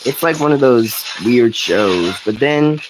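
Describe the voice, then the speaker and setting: Man, casual gameplay commentator, rambling delivery, mid-pitched voice, noisy recording. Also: animated, slow pace. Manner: rambling, restarts sentences, laughs at own jokes. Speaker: gaming commentator. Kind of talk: casual commentary while playing.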